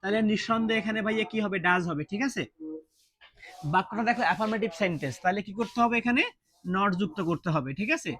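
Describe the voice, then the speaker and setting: A man's voice: high-pitched, fast, a bit bright, slight background noise. A man teaching an English grammar lesson, quizzing listeners with repeated questions and a colloquial, brotherly way of speaking. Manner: drills with repeated quiz questions to students.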